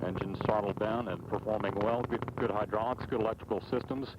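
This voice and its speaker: A man with a lowish voice reads out flight status as a mission control radio commentator. His delivery is clipped and matter-of-fact, over a muffled feed with clear noise behind it. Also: steady tone, fairly quick.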